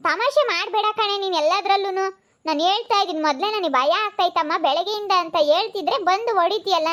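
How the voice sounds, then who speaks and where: An indignant village housewife, played by a woman scolds in a very high, shrill voice. Her accent is rural central Karnataka. The setting is a village comedy skit. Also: a bit bright. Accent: rural central Karnataka Kannada.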